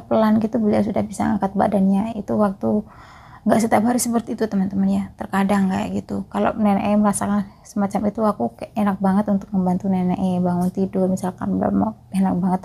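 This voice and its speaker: A woman's voice: mid-range voice, gravelly, dark tone, breathy edge. A woman from East Java, a migrant caregiver chatting casually to her viewers in a vlog and often calling them friends. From East Java, Indonesia.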